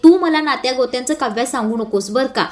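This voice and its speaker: A woman's voice: high-pitched, fast, close to an everyday voice. A woman voicing a scheming, spiteful young woman who mocks her rival. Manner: mocking, spiteful.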